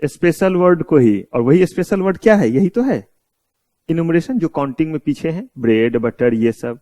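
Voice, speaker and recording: A man's voice: on the high side, animated, normal speed, mellow, no echo. A man with an Indian accent giving a law lecture, asking his students rhetorical questions and mixing English terms into his explanations. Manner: mixes English terms into Hindi. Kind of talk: classroom lecture.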